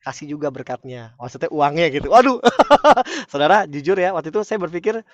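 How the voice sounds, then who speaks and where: A man preacher telling a testimony to an online congregation, animated and often calling out to his listeners. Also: sits high, a little fast, no echo, lo-fi sound. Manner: animated, frequent "saudara" addresses, rising excitement. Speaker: preacher leading an online fellowship.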